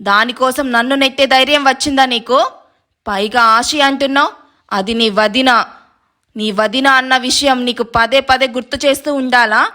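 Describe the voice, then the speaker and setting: A raging domineering husband. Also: male voice, extremely high pitch, fairly even intonation, moderate pace, pushed and bright. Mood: furious. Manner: roaring, threatening. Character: furious domineering young husband, brutal temper.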